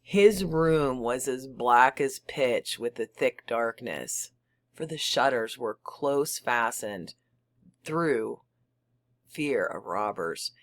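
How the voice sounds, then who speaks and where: Gothic horror monologue: mad, gleeful murderer, slow-paced, emphatic and theatrical, insistently claiming sanity. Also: medium pitch, lively intonation. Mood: gloating, secretive. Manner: halting, theatrical, emphatic, breaking into whispers and chuckles. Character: unhinged murderer, insisting he is sane, gleefully confiding. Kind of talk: dramatic reading of a gothic horror story.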